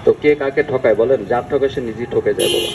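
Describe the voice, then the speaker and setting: Casting: older man, folksy street vendor pitching remedies, mid-range voice, clear traffic noise outdoors. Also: fast. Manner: folksy, repeatedly addresses listeners as uncle and brother. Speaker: street vendor of herbal pain oil.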